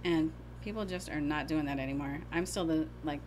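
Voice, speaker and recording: A middle-aged woman co-hosting a podcast with her daughter, chatty and self-deprecating with quick asides. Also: low voice, background noise. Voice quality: hard of hearing. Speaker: co-host, mother. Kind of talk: casual podcast chat.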